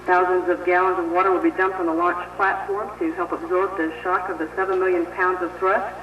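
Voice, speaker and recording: A man's voice: high voice, level tone, a little fast. A man giving launch countdown commentary, heard breaking up over a crackly radio speaker. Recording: distant echoey lo-fi radio playback with hiss.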